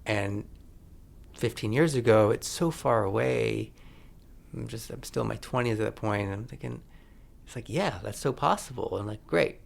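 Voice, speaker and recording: A man in his forties, a film director talking as a podcast guest, thoughtful and searching, with pauses and restarts. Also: fairly low pitch, gravelly. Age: 40s. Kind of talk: reflective conversation.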